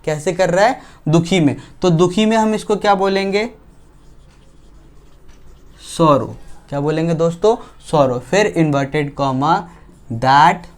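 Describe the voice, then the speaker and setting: A man teaching English grammar in an online lesson, speaking slowly and deliberately, asking questions and answering them himself. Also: on the high side. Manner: slow, deliberate, asks and answers his own questions; spells out English example sentences word by word.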